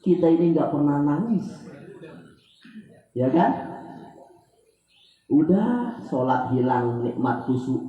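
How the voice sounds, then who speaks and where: A man preaching an Islamic sermon, rising into loud pleading prayers and then dropping low and slow. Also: animated, narrow, tinny audio. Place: Islamic boarding school hall. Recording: very echoey hall.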